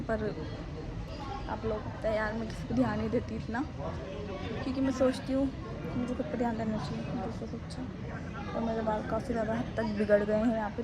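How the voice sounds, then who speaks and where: Chatty vlogger woman, slightly high voice. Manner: chatty, mixes English words into Hindi. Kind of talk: casual vlog chat.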